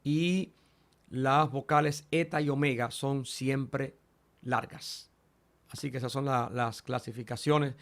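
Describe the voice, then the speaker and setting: Guy teaching greek letters real slow, says each sound out, keeps telling students it's important. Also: medium pitch, fairly even intonation. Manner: slow, deliberate, models sounds aloud for students; addresses students directly, repeats key points. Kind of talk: online language lesson.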